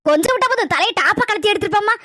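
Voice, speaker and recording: A woman's voice: very high voice, animated, racing, bright, forceful tone, dry recording, full character voice. A woman voicing a lazy, greedy village man who whines and rambles slyly about food in a cartoon comedy. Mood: sly rambling. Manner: whiny, rambling, sly.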